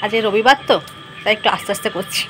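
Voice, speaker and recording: A woman's voice: medium pitch, very fast, noisy background. A woman vlogger, chatting casually to the camera about her morning at home. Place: rooftop and home, outdoors and kitchen.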